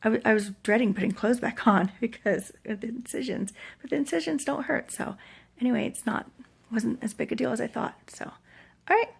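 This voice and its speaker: An American woman in middle age with a husky, breathy, gravelly voice, weak and achy after surgery, rambling hesitantly in a casual personal vlog. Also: a little high, brisk. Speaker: vlogger sharing surgery recovery. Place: hotel room.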